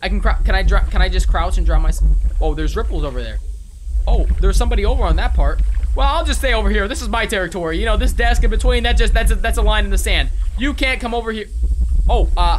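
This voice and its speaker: A young man playing a horror game and commenting, loud and excitable, joking and yelling at scares. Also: sits high, background noise. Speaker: gaming YouTuber. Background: game music.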